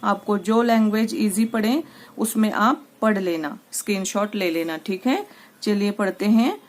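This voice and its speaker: A woman's voice: mid-range voice, a little slow. A woman teaching a Quran reading lesson, patient and repetitive, going over each step again.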